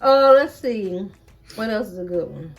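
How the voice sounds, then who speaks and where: Lively, expressive woman chatting informally. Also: medium pitch, measured pace, soft background music. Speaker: co-host asking questions. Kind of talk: casual chat.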